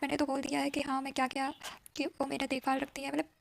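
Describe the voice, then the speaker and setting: A woman's voice: high-pitched, monotone, fast, gravelly, a little hiss or hum. A woman voicing a nervous young woman who hides a secret and speaks hesitantly. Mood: hushed. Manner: hesitant, flustered.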